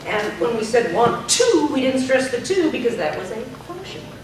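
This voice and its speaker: A woman coaches a room of speakers, her slightly high voice rising and falling widely as she draws words out. She sounds distant from the mic, in a strongly echoing meeting room. A steady hiss sits behind her. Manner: exaggerated drawn-out syllables when demonstrating. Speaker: speech coach. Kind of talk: teaching a workshop. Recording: echoey room, far from the mic, noisy.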